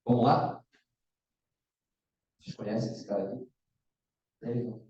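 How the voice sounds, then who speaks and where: Math teacher guy, casual, keeps asking if u got it, mellow voice, very echoey lo-fi sound. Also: medium pitch, slow pace. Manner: casual, checks in often with the students. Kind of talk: online exam-prep lecture. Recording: echoey, distant, dull lo-fi room sound.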